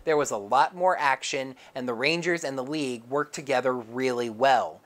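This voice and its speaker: A woman's voice: a bass voice, moderate pace. A woman narrating a casual comic book review with wry, sarcastic asides.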